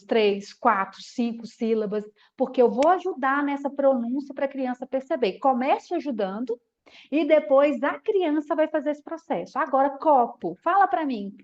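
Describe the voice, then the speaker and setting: A woman with a high voice gives an explanatory online talk to teachers. She checks in with her listeners often and slows to a crawl when she breaks a word into syllables. The stream audio is dull and lo-fi. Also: darkish tone. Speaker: teacher educator. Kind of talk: live online lecture.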